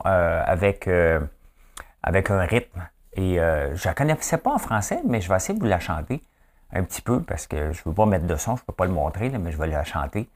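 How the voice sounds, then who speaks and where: A man in his fifties with a Quebec French accent, hosting in a chatty, joking way and asking his audience questions. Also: low-pitched. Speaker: host. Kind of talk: casual chat presenting trivia.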